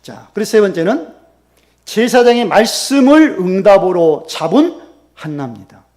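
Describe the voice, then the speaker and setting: A man preaching a sermon as pastor, acting out quoted prayers with sudden loud bursts and soft drops. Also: high voice, very animated, moderate pace.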